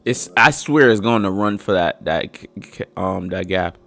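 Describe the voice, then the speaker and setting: A man on a live call as a day trader, loud and excitable, reacting to the market. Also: low voice, moderate pace. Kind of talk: casual chat over live trading.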